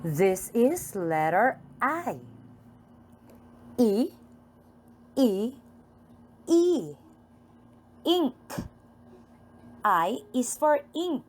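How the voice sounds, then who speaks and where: A woman speaking with a Filipino accent walks young children through phonics, repeating letters and words in a measured, sing-song manner. Her voice runs on the high side with big pitch swings and a darkish tone.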